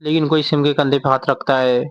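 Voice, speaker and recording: A man retelling a manga story, quoting the characters' lines in his own steady voice without acting them out. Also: medium pitch, a little fast, clean tone, dry recording, dull audio. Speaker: manga explainer.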